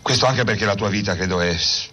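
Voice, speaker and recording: A man's voice: on the low side, quick pace, sharp tone. A man conducting a teasing celebrity interview on an old radio recording.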